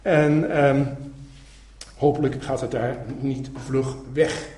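A man giving a public lecture with slides, animated and sarcastic, acting out the people he quotes. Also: mid-range voice, slow. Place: lecture hall. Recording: echoey hall, faint noise.

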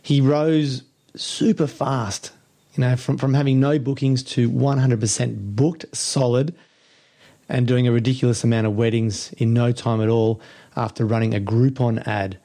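A man's voice: mid-range voice, steady tone, normal speed, dark tone. A man hosting a photography podcast, friendly and casual, often calling his guest mate and laughing. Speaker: podcast host. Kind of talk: podcast interview.

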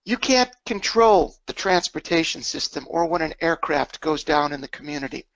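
A man's voice: on the high side, expressive, normal speed, a bit bright, no room sound, highs cut off. A man giving an emergency preparedness webinar, emphatic, stressing words and stacking up lists. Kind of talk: webinar presentation.

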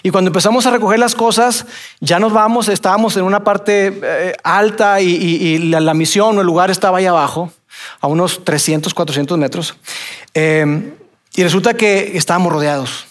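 A man's voice: high voice, moderate pace. A man from Mexico with a Mexican accent, telling a personal testimony with acted-out dialogue and many fillers.

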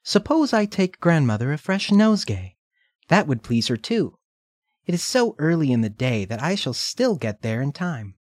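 Man doing a high, eager little girl, polite and naive, storybook. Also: very animated, normal speed, a little mellow, no room sound, studio quality. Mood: musing. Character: sweet innocent little girl.

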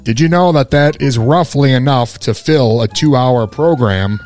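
A man's voice: mid-range voice, unhurried, darkish tone, faint music behind. A man hosting a radio show in casual banter, teasing and needling his co-host.

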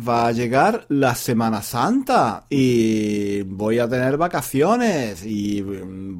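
Slow, lively Spanish-male teacher. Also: medium pitch. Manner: playful, joking, repeats every phrase. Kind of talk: slow, repetitive Spanish practice monologue for learners.

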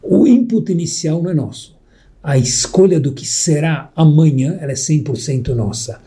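A man telling a moral story as a sermon, lively and acting out the people in it. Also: on the high side, moderate pace. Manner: lively storyteller, voicing characters in quotes.

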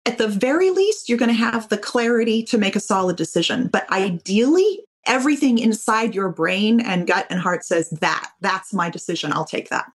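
A woman's voice: on the high side, very animated, moderate pace, hardly any pauses. A woman being interviewed as a copywriting guest, explaining her ideas thoughtfully with everyday examples. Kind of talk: interview answers.

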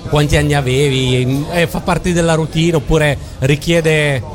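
A man's voice: fairly high pitch, steady tone, unhurried, faint music behind. A man co-hosting an interview, posing questions conversationally. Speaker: interview co-host.

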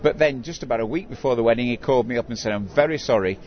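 An older man who works as a town crier tells stories conversationally in an interview, his medium-pitched voice racing along. The recording is dull, with clear background noise.

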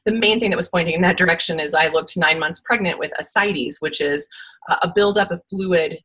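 Female podcast guest, 40s, smoker's rasp, bright forceful edge, candid and emphatic storyteller. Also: on the low side, brisk, poor audio. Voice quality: smoky, raspy, like a smoker's rasp. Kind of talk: candid personal storytelling in conversation.

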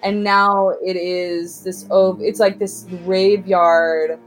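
A young American woman talks casually in a somewhat low voice. She is opinionated and emphatic, stopping and restarting with many fillers. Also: little pitch movement, soft background music. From Oklahoma, United States. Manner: halting, filler-heavy, emphatic.

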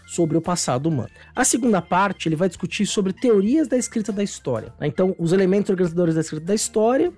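A woman's voice: lowish voice, lively intonation, quick pace, few pauses, mellow, slightly rough, soft background music. A woman with a Brazilian accent hosting a podcast, explaining things in an informal, conversational way with frequent tag questions. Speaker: podcast host.

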